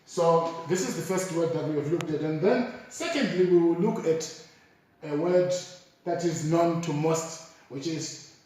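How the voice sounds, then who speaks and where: A man teaching pronunciation, slowly and deliberately repeating each word as an example. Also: on the high side, a little mellow. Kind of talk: explanatory lesson. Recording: very echoey room, mic far off.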